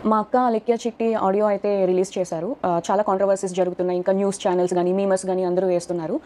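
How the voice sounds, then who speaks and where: A woman's voice: mid-range voice, little pitch movement, very fast, mellow. A young woman giving an earnest, defensive explanation to camera. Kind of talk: statement to camera.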